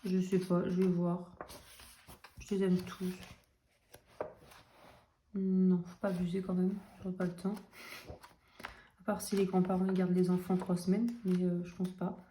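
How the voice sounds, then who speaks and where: Young adult woman, casual vlogger. Chatty and self-mocking, warm tone, echoey home room. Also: on the low side, little pitch movement, measured pace, long pauses. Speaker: coloring vlogger. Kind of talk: casual chat. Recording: echoey room, faint noise.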